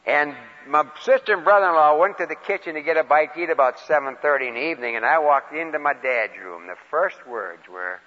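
A man's voice: on the high side, fast talker, hardly any pauses. A man preaching in a folksy, plain-spoken way, mixing questions to his listeners with personal storytelling in short phrases. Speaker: preacher leading a Bible lesson. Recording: dull, reverberant large-hall recording.

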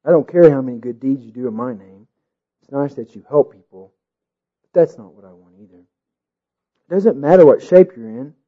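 A man voicing a gentle, loving king who speaks softly and tenderly in a storybook reading. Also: mid-range voice, normal speed, long pauses, natural voice. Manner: gentle, soft-spoken. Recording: dull lo-fi recording.

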